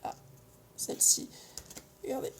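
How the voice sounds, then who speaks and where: A woman reading oracle cards in a casual, gentle way. She draws her phrases out with pauses and sometimes drops into soft, near-whispered asides. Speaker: oracle card reader.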